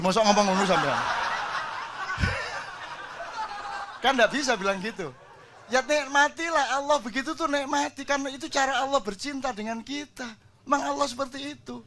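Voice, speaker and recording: A man's voice: very high voice, expressive, fairly quick, bright, forceful tone, a little hiss or hum. An older man, telling jokey stories in a casual sermon to a gathering. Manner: jokey storytelling, switches into Javanese. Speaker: preacher.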